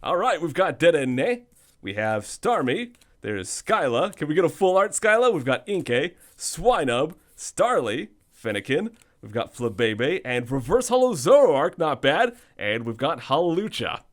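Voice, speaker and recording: Man, high-pitched thin weak voice, very animated intonation, casual unboxing commentary. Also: measured pace. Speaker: host of card pack opening videos.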